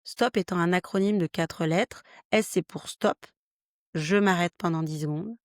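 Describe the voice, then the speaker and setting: A woman's voice: lowish voice, moderate pace, no echo, studio quality. A woman hosting a health podcast, explaining practical stress techniques in a frank, step-by-step way. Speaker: podcast host, health worker. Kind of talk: solo podcast talk, lightly scripted.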